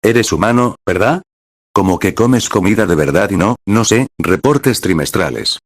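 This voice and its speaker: A man's voice: on the low side, animated, no room sound, studio quality. A man voicing a blunt young waitress. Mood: brusque. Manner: blunt and quick.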